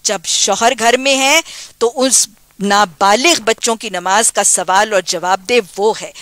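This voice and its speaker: A woman's voice: medium pitch, a bit bright, no room sound. A middle-aged woman with a Pakistani Urdu accent giving a religious lecture as a Quran teacher. She speaks earnestly and exhorts, repeating phrases for emphasis.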